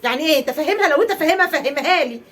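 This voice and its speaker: A woman with an Egyptian accent playing a loud, sarcastic wife in a comedy sketch, ranting in rapid bursts. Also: high-pitched, lively intonation. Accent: Egyptian Arabic.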